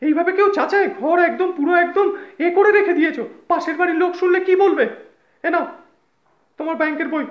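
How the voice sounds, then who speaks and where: A man voicing a nagging, exasperated young housewife in a comedy sketch, scolding fast and shrilly. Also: very high voice, pitched above the performer's own voice. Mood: irritated scolding. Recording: echoey room, slightly dull sound.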